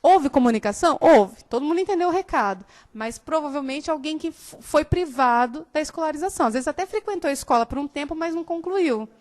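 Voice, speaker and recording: A woman teacher from São Paulo state with a São Paulo Portuguese accent softened by years in the south, giving a live classroom lecture and often checking that students understand. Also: high voice, animated, fairly quick, few pauses. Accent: São Paulo Portuguese, softened by years in southern Brazil. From São Paulo state, Brazil.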